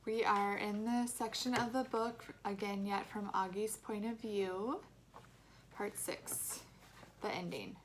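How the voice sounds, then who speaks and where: Woman teacher, read-aloud, expressive storytelling, gentle classroom tone. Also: medium pitch, takes it slowly, background noise. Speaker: elementary school teacher. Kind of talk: reading a children's novel aloud.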